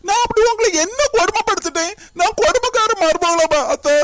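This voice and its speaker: A woman's voice: extremely high pitch, fairly quick, fairly bright tone. A woman voicing a young daughter-in-law in a cartoon, arguing back defensively and pleading her case. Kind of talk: cartoon comedy voice acting.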